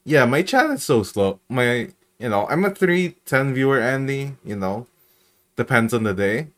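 A man hosting a casual podcast, talking loosely and filling his sentences with "you know" and "like". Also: mid-range voice. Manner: slow and lively, lots of "you know" and "like". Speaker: podcast host.

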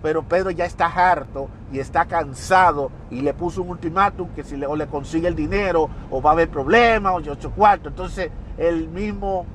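A man's voice: a little high, normal speed, few pauses, a bit bright, slight background noise. A man hosting a podcast, telling a story emphatically and critically, often repeating his phrases. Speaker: podcast host. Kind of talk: storytelling monologue.

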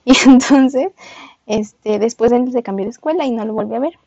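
A young woman chatting on a podcast, telling a story and laughing between lines as she plays out little voices. Her voice sits a touch high but sounds dark and gravelly, with a husky edge. The recording is dry and a little muffled. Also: normal speed, no echo. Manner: laughs often, acts out voices in her anecdotes. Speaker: podcast co-host. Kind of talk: casual storytelling chat.

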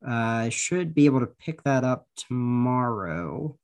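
A man's voice: medium pitch, very animated, measured pace, darkish tone. A man co-hosting a podcast, chatting in an easygoing way and often repeating his words. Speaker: podcast co-host. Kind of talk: casual podcast chat.

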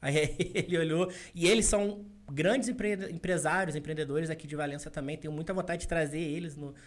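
A young adult man, co-hosting a podcast as a business consultant. He tells a personal story in easy conversation, slipping into the voices of the people he quotes and laughing along the way. His voice sits a little high. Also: a little fast. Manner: animated, acts out quoted dialogue, laughs often.

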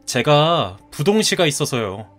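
A man's voice: fairly high pitch, very animated, measured pace, fairly bright tone, faint music behind. A man voicing a polite but defiant groom. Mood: pleading. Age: 30s. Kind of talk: cartoon story dub.

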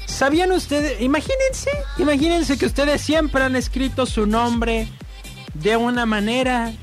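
Playful high-voiced Mexican radio host. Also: male voice, animated, over music. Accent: Mexican Spanish. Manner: playful, teasing, drawn-out stresses on words. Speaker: radio morning show host. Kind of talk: casual radio talk. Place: radio studio.

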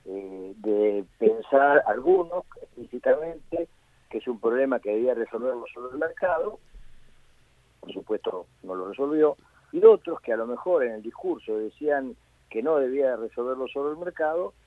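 An older man with a Rioplatense accent explains his point slowly and deliberately over a narrow, tinny phone line. He holds the phone away from his mouth, so his voice comes through faint and distant. The call sound is dry, with no room around it, and his pitch sits in a middle range. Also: lively intonation, no room sound. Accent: Rioplatense Spanish. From Argentina. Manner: measured, explanatory, with filler pauses. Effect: phone held away from his mouth, faint and distant on the line. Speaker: economist guest calling in. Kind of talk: radio phone interview. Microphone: telephone.

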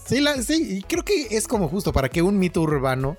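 A man's voice: high-pitched, wildly swooping pitch, fairly quick, soft background music. A man in his thirties with a Mexican accent, co-hosting a casual podcast and telling a personal story, acting out the quoted dialogue. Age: 30s. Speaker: podcast co-host.

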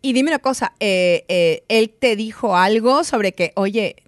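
A woman's voice: medium pitch, expressive, measured pace, no room sound, clean studio sound. A woman hosting a casual interview, chatty and affirming, laughing along with her guest. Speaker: host.

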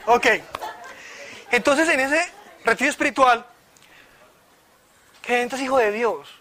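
A man teaches at a church retreat, his voice very high and bright. He tells his own stories in a lively way and acts out the voices of the people in them. The sound is that of an indoor meeting room. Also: slow pace. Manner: animated storyteller who acts out voices. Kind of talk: informal sermon with personal stories.

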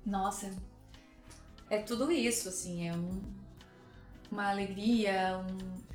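A Brazilian woman co-hosting a podcast, telling her story in a lively, chatty way full of fillers. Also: medium pitch, slow. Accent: Brazilian Portuguese. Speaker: podcast co-host. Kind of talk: podcast conversation. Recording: roomy echo, faint music behind.

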